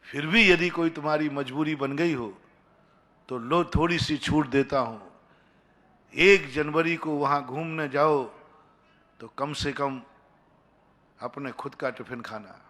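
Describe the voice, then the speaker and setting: Fairly high-voiced monk preaching. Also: male voice, fairly bright tone. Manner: pleading, repetitive exhortation with dialogue-like anecdotes. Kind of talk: sermon.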